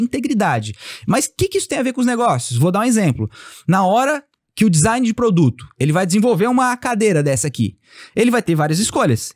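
A man being interviewed as a company founder, telling a casual story with animated delivery and acting out bits of dialogue. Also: sits high, no echo, studio quality. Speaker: podcast guest, company founder.

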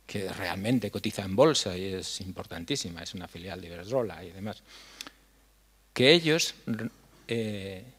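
An older man from La Mancha, head of a foundation, giving a speech on a dark stage at a stand mic, earnest and halting, with many fillers. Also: low-pitched, expressive, slightly rough. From La Mancha, Spain. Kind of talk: conference speech. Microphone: stand mic at a lectern.

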